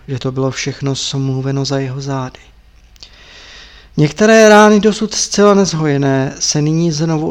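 A man narrating a story as an audiobook reader in a measured, even way. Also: on the high side.

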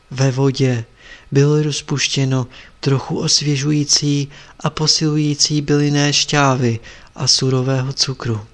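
Calm male audiobook narrator. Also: medium pitch. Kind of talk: scripted narration.

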